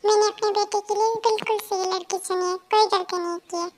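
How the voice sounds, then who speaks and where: A woman voicing a calm, soothing mother-in-law in a fan audio story, a little softer than her usual voice. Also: very high voice, fast talker.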